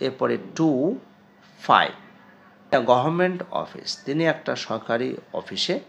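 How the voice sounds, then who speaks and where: A man teaching an English pronunciation lesson to students, speaking with a Bengali accent and drilling words slowly and emphatically. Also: mid-range voice, vocal fry, a bit bright, a little hiss or hum. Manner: slow, emphatic word-by-word drilling, addressing students directly.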